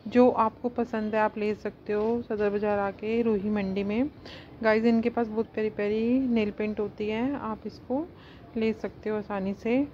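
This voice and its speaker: A woman's voice: medium pitch, steady tone, a little slow, mellow, muffled recording, a little hiss or hum. A woman filming a casual shopping vlog as she walks through wholesale market stalls and points out goods and prices. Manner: chatty, repeats "guys" and "very pretty" a lot. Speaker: cosmetics channel vlogger.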